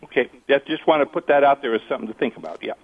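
A man's voice: medium pitch, racing, husky. A man calling in to a radio show over the phone, speaking hesitantly with many ums and restarts. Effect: phone-line caller on a radio show. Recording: tinny distant phone line.

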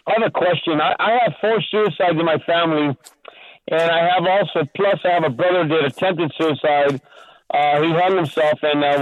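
Radio show caller, man, from California, halting, repeats words, phone line, dry distorted sound. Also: a little high, no room sound. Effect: phone call heard over the radio.

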